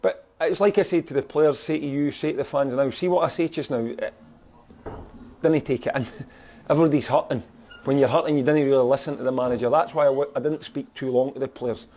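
A Scottish man speaks plainly as a football manager in a post-match interview. His voice is dark and mellow, and he talks in a frank, direct way with lots of "you know". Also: medium pitch, steady tone, brisk, a little hiss or hum.

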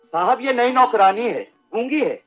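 A shrill, eager servant. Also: male voice, expressive, moderate pace, faint music behind. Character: chatty male household servant. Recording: dull old film soundtrack with score.

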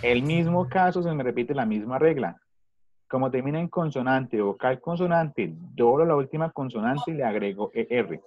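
A man's voice: mid-range voice, animated, moderate pace, a little mellow, muffled recording. A man teaching an online English class to children in Spanish, patiently repeating his questions. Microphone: video call.

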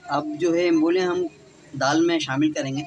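A man's voice: fairly high pitch, fairly even intonation, normal speed, a little hiss or hum, poor audio. A man hosting a home cooking channel, talking through each step of a recipe in a casual, chatty way with frequent filler phrases.

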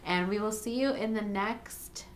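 A young woman who owns a daycare hosts a casual podcast from a small room at home, talking frankly and chattily with lots of fillers. Her voice is mid-range and a little slow, with slight background noise.

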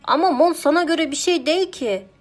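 A woman voicing a patient, sensible male farmer who reasons calmly with a tired edge, in a children's audiobook. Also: high-pitched, fairly quick, voice pushed up. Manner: calm, mildly tired reasoning.

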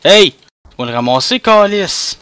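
A young man with a Quebec French accent comments on a horror game. He is a jumpy, panicking gamer given to curses and exclamations, in a somewhat high voice with unhurried pacing. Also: expressive, fairly bright tone, a little hiss or hum. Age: young adult.

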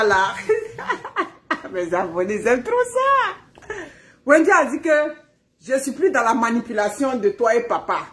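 A middle-aged woman hosting a live stream from home, chatting casually to her viewers, animated and laughing as she acts out family quarrels. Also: fairly high pitch, roomy sound. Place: at home, indoors.

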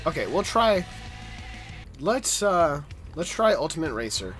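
A man streaming a racing game, talking casually, swearing and shouting at the game. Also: fairly high pitch, sing-song, unhurried. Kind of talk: casual gameplay commentary. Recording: game music over the voice. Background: game music.

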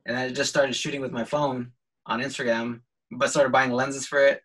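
Man, bright voice, hesitant, filler-heavy, casual video call guest, laptop mic. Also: medium pitch, level tone, moderate pace, slightly rough, poor audio. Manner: hesitant, full of fillers and restarts, laughs lightly. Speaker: photographer guest.

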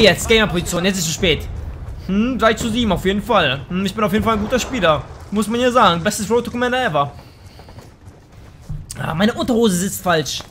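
A young man giving live commentary over his shooter gameplay, excitable and slangy, often swearing in annoyance. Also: high voice, a little hiss or hum. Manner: slangy, says "Alter" a lot. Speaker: let's play gamer. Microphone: gaming microphone.

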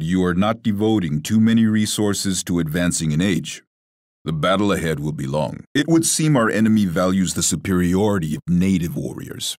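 An actor playing a proud, solemn, stern war chief in a strategy video game, speaking in a measured, formal, grave way. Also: male voice, low-pitched, dry recording, clean studio sound. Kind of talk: scripted strategy game voice lines.

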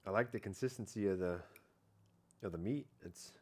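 A man in his thirties talks at normal speed in a fairly low, slightly mellow voice with a breathy edge. He's a fishing vlogger tasting fish on an outdoor patio at night for a casual catch-and-cook vlog, captured on a head-mounted camera, and his laid-back rambling is full of "I don't know" and "like".

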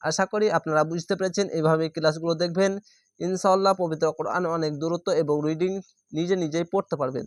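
A man teaching Quran reading, spelling letters out slowly and then chanting the drawn-out recited words. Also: on the high side, steady tone, no echo, studio quality.

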